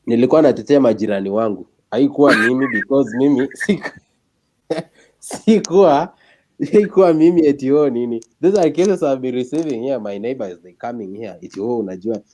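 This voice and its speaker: Mellow Kenyan man in casual chat. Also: mid-range voice, brisk, a little hiss or hum. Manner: mixes Swahili and English.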